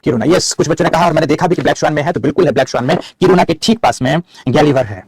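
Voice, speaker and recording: A middle-aged man gives an online geography lecture over a map, talking fast in a husky, slightly raised voice that sits on the high side. He calls his students "beta," answers their questions and dictates headings for their notes. The sound is close and dry, with no room sound.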